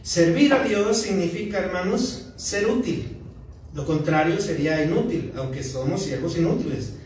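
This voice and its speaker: A pastor giving a conversational sermon, often checking in with the congregation. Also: male voice, high-pitched, moderate pace, darkish tone, a little hiss or hum. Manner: conversational preaching, often asking the congregation "¿verdad?". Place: church sanctuary. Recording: echoey church hall from far off.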